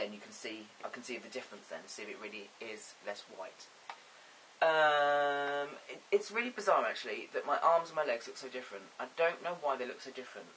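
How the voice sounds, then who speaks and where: A man's voice: mid-range voice, pushed and bright, a little hiss or hum, low-quality recording. A man talking casually to camera in a rambling, self-amused way, with frequent ums. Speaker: vlogger.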